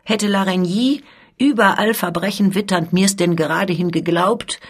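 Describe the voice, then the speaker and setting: A woman reading the part of a proud, soldierly male count who is a guard colonel, in a measured, emphatic manner. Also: mid-range voice, husky, lightly acted.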